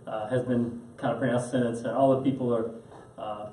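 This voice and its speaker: A man leading a Bible study in a parish meeting room, talking in a chatty lecture style. His tone is mellow and dark. The sound is echoey and captured from a distance, with faint noise underneath. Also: mid-range voice, level tone, fairly quick. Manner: chatty, acts out quotes, chuckles often. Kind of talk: conversational lecture.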